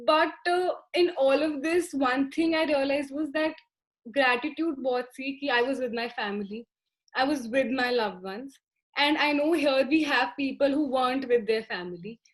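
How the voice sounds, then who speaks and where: A woman's voice: sits high, normal speed, poor audio. A young woman moderating a panel in a conversational, reflective way. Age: young adult. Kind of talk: casual panel discussion.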